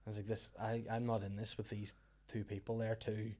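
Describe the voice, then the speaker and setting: Speaking briskly in a lowish, warm, level voice, this comedian, actor and podcast host from Northern Ireland rambles and banters through a casual comedy chat, now and then breaking into acted quotes.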